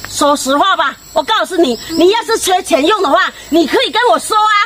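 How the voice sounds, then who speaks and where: A woman playing a shrill frantic accuser. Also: lively intonation, brisk, fairly bright tone, a little hiss or hum. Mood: furious. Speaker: robbery victim in a skit. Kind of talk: amateur comedy skit acting. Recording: background music over voice.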